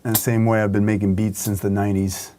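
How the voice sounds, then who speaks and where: With background noise audible, a man in his thirties with a lowish voice and quick pace rambles through a casual tour of his wood-panelled music studio. The relaxed musician gestures with his hands while he talks.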